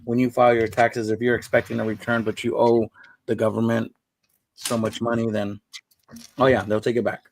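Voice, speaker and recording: A man's voice: mid-range voice, little pitch movement, normal speed, slight background noise, poor audio. A man hosting a live stream, chatting in an easygoing, rambling way. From United States. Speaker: livestream host. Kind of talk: casual live-stream chat.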